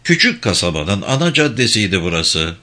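A man narrating an audiobook in an expressive reading style. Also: normal speed. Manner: expressive reading with wide pitch swings.

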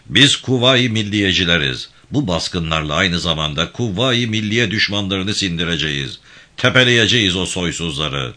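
A man voicing a stern, commanding male militia band leader who gives hushed orders. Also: low voice, lively intonation, moderate pace, heavily acted.

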